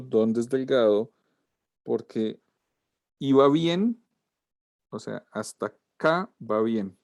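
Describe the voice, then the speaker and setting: A man's voice: medium pitch, mellow, no room sound, clean studio sound. A man, a lettering teacher giving a student feedback over a video call, walking through corrections step by step. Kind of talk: class critique of student work.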